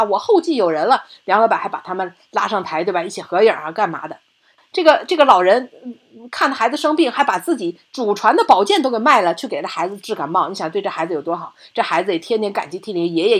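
A woman's voice: mid-range voice, slightly rough. A woman hosting a podcast, animatedly retelling a film plot in casual storytelling and often checking in with her listener. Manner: animated, chatty, asks "对吧?" often. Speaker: podcast host.

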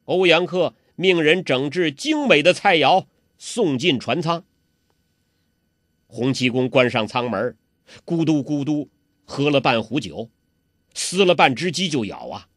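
A man narrating a martial arts tale as a storyteller in an animated, expressive recital. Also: a little high, measured pace, pauses often, dry recording, studio quality.

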